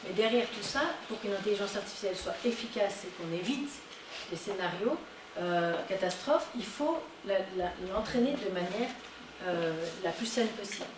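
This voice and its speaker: A woman giving a conference talk, animated and emphatic on her key points. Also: mid-range voice, normal speed. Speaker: conference speaker. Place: conference hall. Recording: echoey hall, distant mic, noisy.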